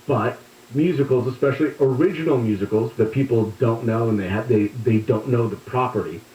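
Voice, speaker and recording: A man, an entertainment reporter, chatting casually on a radio show in a relaxed, talkative way with some restarts. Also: mid-range voice, a little fast. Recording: distant, roomy, dull remote line.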